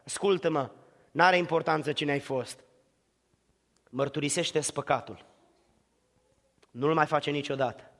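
Impassioned high-voiced male preacher. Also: pauses often. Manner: impassioned, builds to shouted repetitive crescendos. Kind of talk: sermon. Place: church hall. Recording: reverberant hall.

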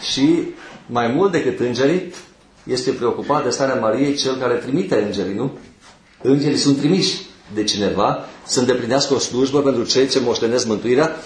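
A man preaching a sermon, moving slowly through numbered points with pauses between phrases. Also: medium pitch, roomy sound, low-quality recording.

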